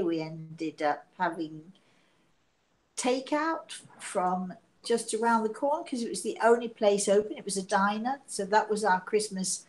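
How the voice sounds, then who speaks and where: A psychic medium in her sixties hosts a casual live-stream show from her living room, her medium-pitched voice hoarse from illness and interrupted by coughing. She's chatty, laughing, and self-mocking. The low-quality audio comes from a device camera held at arm's length.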